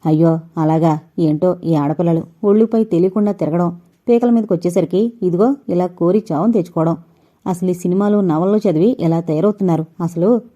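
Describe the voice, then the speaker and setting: A woman's voice: lowish voice, brisk, mellow, muffled recording, natural voice. Woman voicing a fretful scolding mother. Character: worried mother scolding her grown son.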